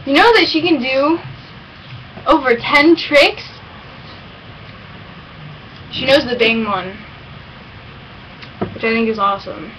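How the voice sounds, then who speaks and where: A woman rambling casually in a homemade vlog, chatting informally to her viewers. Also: a little high. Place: at home at a computer, with a dog nearby. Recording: noisy amateur home recording.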